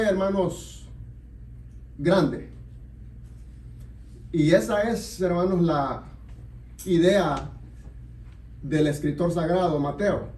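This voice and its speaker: Echoey far-off preacher, man, mellow voice. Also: sits high. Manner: measured, repeated address to the congregation. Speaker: pastor. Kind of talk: sermon. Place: church hall.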